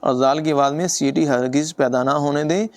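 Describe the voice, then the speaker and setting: A man teaching tajweed, giving brisk explanations between slow, drawn-out melodic recitation. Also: on the high side, fairly even intonation.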